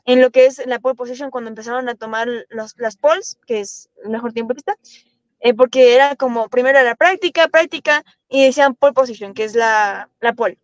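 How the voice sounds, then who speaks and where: A young woman from Ecuador, a racing driver, talking eagerly as a podcast guest, rambling quickly with many restarts. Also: a little high, no echo. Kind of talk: podcast interview. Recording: dull lo-fi sound, dry.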